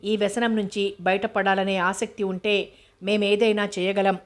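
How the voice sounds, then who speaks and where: A woman's voice: mid-range voice, level tone, moderate pace, natural voice. A woman reading aloud as a middle-aged male doctor who lectures and advises. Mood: lecturing.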